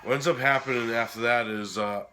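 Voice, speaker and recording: Sick man with a cracked, bright voice. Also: mid-range voice, fairly even intonation, a little fast, slight background noise. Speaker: host of a horror film review series. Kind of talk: casual video review.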